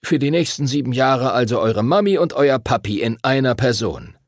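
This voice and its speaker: Male reader voicing a brusque old pilot-teacher, storybook, raspy. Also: medium pitch, big pitch swings, normal speed, dry recording, studio quality, pitched above the performer's own voice. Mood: gruff. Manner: brusque, commanding. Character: wild gray-haired male pilot and teacher, gruff.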